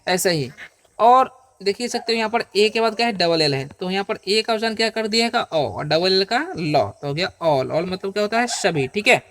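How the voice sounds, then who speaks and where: In a Hindi-language lesson, a man teaches English pronunciation rules, patiently asking and answering his own questions. He checks in often with "okay?" and "isn't it?", slowing down to stretch out example sounds. His voice is high-pitched, animated, and a bit bright.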